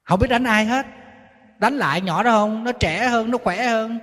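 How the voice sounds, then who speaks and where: Man, Southern Vietnamese accent, Buddhist monk, storytelling sermon, fairly high voice, long hall reverb. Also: moderate pace, fairly bright tone. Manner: storytelling, acting out quoted voices, teasing. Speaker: Buddhist monk giving a dharma talk.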